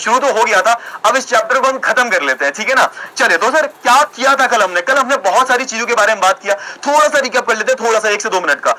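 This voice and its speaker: Bright, high-voiced teacher. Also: male voice, low-quality recording. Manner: chatty, playful, switches to English words. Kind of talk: live online history lecture.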